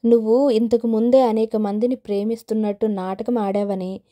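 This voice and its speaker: A spurned young man pleads and sneers in turn, voiced by a woman reading an audio novel. The voice is mellow and dark, yet fairly high. His lines come sarcastic and bitter. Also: steady tone, moderate pace, close to an everyday voice.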